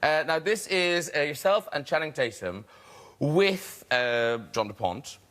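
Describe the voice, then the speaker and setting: A man's voice: a little high, expressive, measured pace, fairly bright tone. A man hosting a talk show, teasing his guests with playful questions. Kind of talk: chat-show interviewing. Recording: studio with audience.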